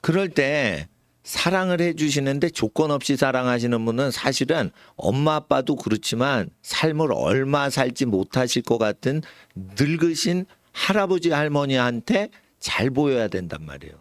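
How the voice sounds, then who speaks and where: A man, a pastor, preaching a sermon in a lively way, sometimes acting out the voices of the people he quotes. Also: medium pitch, moderate pace, no echo, studio quality. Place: church sanctuary.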